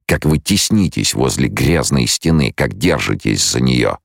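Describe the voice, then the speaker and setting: A calm, commanding blind prophet-leader, as a male reader plays him, speaking slow and measured. The voice stays very low and gravelly, with a dry, close sound. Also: dry recording, exaggerated voice.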